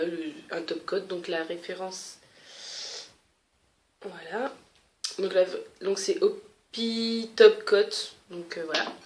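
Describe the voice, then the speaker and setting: A young woman talks casually to her camera, chatty and halting, filling pauses and restarting her sentences. Her voice sits at an ordinary pitch for a woman. The room around her echoes. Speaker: beauty vlogger. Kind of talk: casual haul chat.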